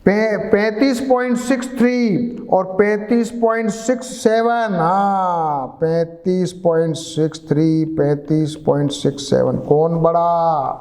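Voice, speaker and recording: A man's voice: high-pitched, slow, hardly any pauses, a little mellow, long reverb tail. A man teaching a maths lesson, patiently coaxing pupils with questions. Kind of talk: classroom lesson.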